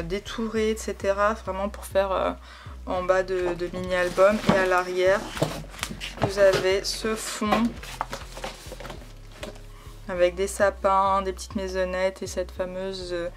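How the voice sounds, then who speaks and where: Woman crafting vlogger, gushy and chatty, medium pitch, clear background music under her voice. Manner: gushing, enthusiastic, many fillers and repeats. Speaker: scrapbooking vlogger. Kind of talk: casual product unboxing chat.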